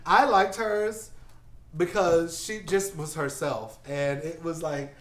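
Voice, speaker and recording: A man's voice: on the high side, fairly even intonation, takes it slowly, reverberant. A man co-hosting a casual review chat, steering topics with loose, profane jokes and laughs. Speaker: co-host leading the review.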